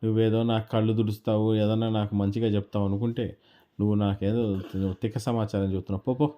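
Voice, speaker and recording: A sad, stubborn orphan boy from a bedtime story, his voice pushed a little higher and louder than the storyteller's own, as a man puts him on. The tone stays dark and mellow underneath. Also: fairly even intonation, brisk, close to an everyday voice. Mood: irritated. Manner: raised, plaintive, slightly higher voice. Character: poor orphan village boy, upset and stubborn.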